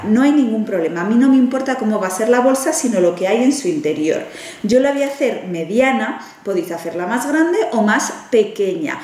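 A woman's voice: on the high side, far from the mic. A woman from Spain with a Spanish accent, standing at a table and demonstrating a ritual in a chatty tutorial, often checking in with her viewers. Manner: chatty, frequent "¿vale?" check-ins, animated hand gestures. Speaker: witch teaching rituals. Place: room indoors, standing at a table. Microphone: camera at a distance. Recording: echoey room, voice from off-mic.

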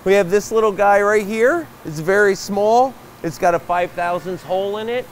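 A man's voice: sits high, moderate pace, a little hiss or hum. A man in his fifties, a shop owner, giving a plain-spoken guided tour of his machine shop floor with a lapel mic and frequent fillers. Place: large bright machine shop floor, indoors.

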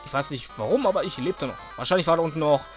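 A man's voice: on the high side, animated, racing, faint music behind. A man giving casual let's play commentary, grumbling at and cheering on the game, talking to enemies.

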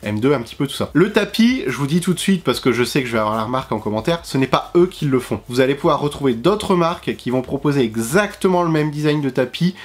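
A man's voice: medium pitch, animated, quick pace, few pauses. A man giving a casual product review, chatting straight to his viewers with emphatic rises. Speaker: tech reviewer.

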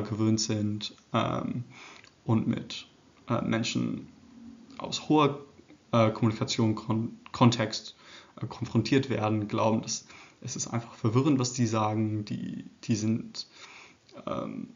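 A hesitant young Englishman gives a recorded slide presentation in an indoor room, full of fillers and restarts. His voice is on the low side and creaky, with the highs cut off.

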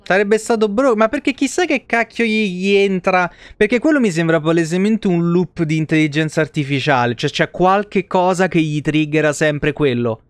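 In a high voice at a moderate pace with few pauses, the home streamer talks to his chat bluntly and casually, swearing as he plays. The recording is dry, with video game music behind him.

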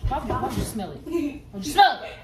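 A young woman with a fairly high voice, filming a casual cooking vlog on her phone in a home kitchen. She talks in a slangy, bossy, teasing way to the kid beside her. The room is echoey and there is clear background noise. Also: animated, quick pace. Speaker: vlogger. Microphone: phone camera.

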